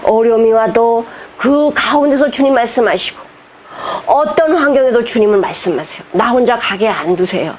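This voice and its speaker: With a fairly high, animated, slightly mellow voice at a moderate pace, a woman pastor delivers a heartfelt, impassioned sermon over a faint hiss or hum. She fires rhetorical questions at the congregation, and her voice sometimes catches with emotion.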